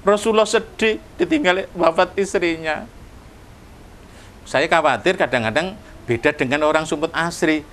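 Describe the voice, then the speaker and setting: A man with an East Javanese accent preaching a sermon to a gathering, joking and animated, often crying out to God. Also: fairly high pitch, a little hiss or hum. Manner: joking, animated, frequent "ya Allah" exclamations. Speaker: Islamic preacher. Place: indoor gathering, broadcast.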